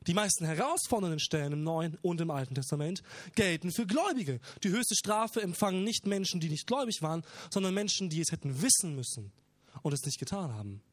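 A man's voice: fairly high pitch, expressive, brisk, no echo. A man preaching a sermon, talking earnestly and with emphasis as he explains parables.

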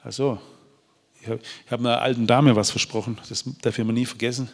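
A man's voice: medium pitch, flat delivery, brisk. Heartfelt male preacher in a reverberant hall. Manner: heartfelt, pleading, with frequent restarts and stammered repeats. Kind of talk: emotional testimony and preaching.

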